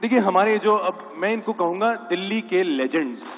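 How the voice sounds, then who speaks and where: An Indian man emcees a stadium ceremony in a high, upbeat voice, cracking jokes and drumming up applause. The sound is thin and phone-like, ringing with long reverb through a big venue. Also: expressive, moderate pace, a little hiss or hum. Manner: jokey, bilingual asides, cues applause. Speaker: event host. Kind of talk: lively stage hosting. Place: large stadium event venue.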